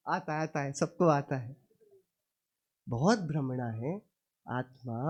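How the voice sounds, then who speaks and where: Slow, questioning male preacher. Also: a little high, a little mellow. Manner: questioning the audience, calling them brother; rhetorical, slow and emphatic. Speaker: Jain preacher. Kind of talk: afternoon sermon.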